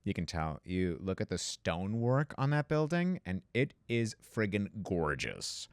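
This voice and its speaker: Enthusiastic lower-voiced man host. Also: big pitch swings, a little slow, smooth, no echo, studio quality. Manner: enthusiastic, gushing. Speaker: podcast host, theatre reviewer. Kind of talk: casual chat.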